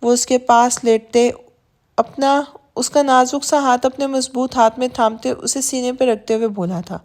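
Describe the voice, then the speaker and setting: A woman narrating a romance novel as an audiobook, reading softly and evenly. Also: fairly high pitch, fairly even intonation.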